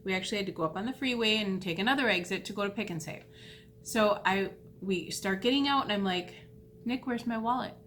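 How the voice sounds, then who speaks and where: Woman vlogger, mid-pitch, chatty and self-deprecating, casual rambling delivery. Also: quick pace, a bit bright, slight background noise. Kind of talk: casual storytelling vlog.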